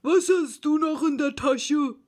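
A woman's voice: high voice, takes it slowly, a little mellow, pitched above the performer's own voice. A woman voicing a solemn, pompous male Dodo bird in a storybook reading, speaking in a formal, ceremonious way.

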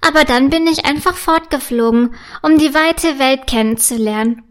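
A woman voicing a tiny, cheerful homework fairy with a high, friendly, giggly voice in a children's storybook. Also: normal speed, natural voice. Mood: bubbly. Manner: giggly, bubbly.

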